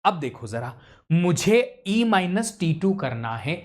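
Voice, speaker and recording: एक पुरुष शिक्षक लाइव ऑनलाइन कक्षा में पढ़ा रहा है, छात्रों से बार-बार सवाल पूछता है और हिंदी में अंग्रेज़ी मिलाकर बोलता है।. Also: male voice, high-pitched, very animated, slow pace. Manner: quizzes students, mixes English into Hindi. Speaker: teacher. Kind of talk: live online lecture.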